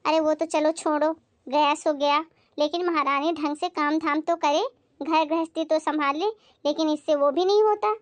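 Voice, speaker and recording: A self-righteous, sharp-tongued mother-in-law, voiced by a woman in a home comedy skit. She scolds in a very high voice. The sound is close and dry, with no room echo. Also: steady tone, normal speed, close to an everyday voice. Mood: scolding. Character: nagging scolding middle-aged mother-in-law.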